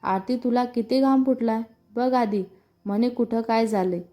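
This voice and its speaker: A woman reading a storybook part as a caring young older sister, fussing over her younger sister in a light, gentle scolding tone. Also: on the high side, moderate pace, faint music behind, lightly acted.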